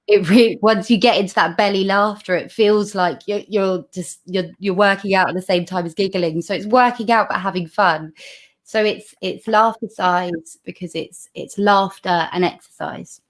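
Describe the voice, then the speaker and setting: A woman's voice: mid-range voice, normal speed. A woman leading laughter exercises on a video call, bubbly and encouraging, often breaking into laughter as she explains. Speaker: laughter yoga leader. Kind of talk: casual video call chat.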